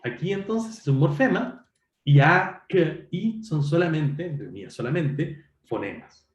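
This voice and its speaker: Delivering an online linguistics lecture at a measured pace, this high-voiced, lively university lecturer sounds like he's in a roomy space. He's explanatory, keeps checking in with his students, and often self-corrects with a quick "perdón."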